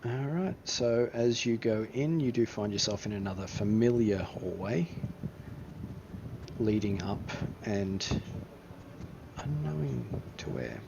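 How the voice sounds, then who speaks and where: Lowish-voiced male game master, muffled sound. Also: expressive, slow, creaky. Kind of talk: narrating a tabletop game. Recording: dull recording under loud music.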